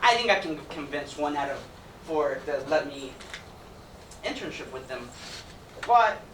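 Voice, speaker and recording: A man's voice: a little high, animated, a little slow, fairly bright tone. A young man from Ecuador giving an upbeat, jokey student presentation to an audience. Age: young adult. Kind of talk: presentation talk. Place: event hall with audience. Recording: roomy, distant mic, noisy.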